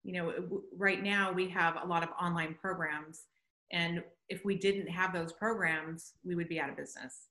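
Earnest woman with a bright voice. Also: lowish voice, steady tone, moderate pace, roomy sound. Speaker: guest, business owner. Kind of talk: casual conversation.

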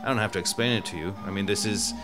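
A man's voice: low voice, racing, music in the background. A man who was born in Mexico, talking in a rambling, casual way as a guest about food and cooking. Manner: rambling, many restarts and fillers. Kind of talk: casual conversation.

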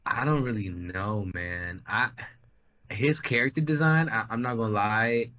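A man's voice: lowish voice, measured pace, sharp tone. A young man talking casually about anime as a co-host, enthusiastic and slangy in a swearing frat-bro way. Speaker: podcast co-host. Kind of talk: casual anime discussion chat.

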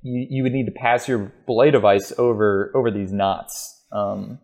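Relaxed, foul-mouthed male guest. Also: lowish voice, normal speed. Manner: relaxed, swears freely, talks through steps. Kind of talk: casual chat.

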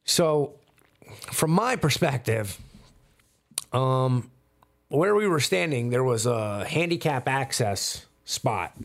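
A man's voice: medium pitch, animated, takes it slowly, creaky, long pauses. A man telling a long, rambling story in casual chat, swearing freely and filling his sentences with "like" and "um.". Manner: rambling storyteller, heavy swearing and many fillers. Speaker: podcast guest telling a story.

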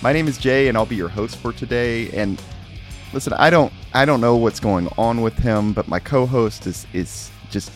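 A man's voice: medium pitch, normal speed, soft background music. A man hosting a casual podcast chat, joking around, laughing often and trailing off mid-thought. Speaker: podcast host.

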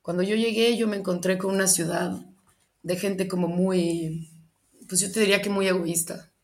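A young Mexican woman who grew up in Michoacán, answering interview questions and telling stories with lively, acted-out quotes. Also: lowish voice, normal speed. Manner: animated storytelling, acts out quoted lines.

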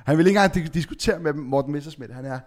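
A man with a Danish accent telling a crude, joking story on a podcast, dropping in English phrases. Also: on the high side. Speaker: podcast host. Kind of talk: casual chat.

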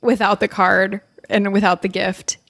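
A woman's voice: mid-range voice, little pitch movement, unhurried, creaky, a bit bright, no echo. A young woman co-hosting a podcast, talking casually and giving earnest advice. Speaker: podcast co-host. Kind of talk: casual chat.

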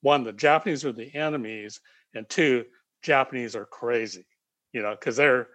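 A man from the United States talking as a podcast guest, calm and measured as he reflects on his work. His pitch is middling, and the recording is close and dry with no echo. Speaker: guest, leadership coach. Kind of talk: casual interview chat.

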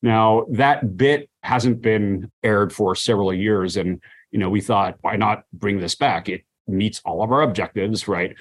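A brand marketer appearing as an interview guest answers casually and conversationally about his work, often saying "you know" and "like." His voice sits on the low side and he takes his time.

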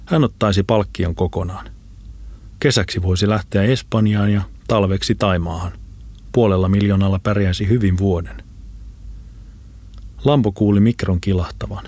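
A man reading an audiobook in a steady, measured narration. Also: lowish voice, no echo. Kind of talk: scripted narration.

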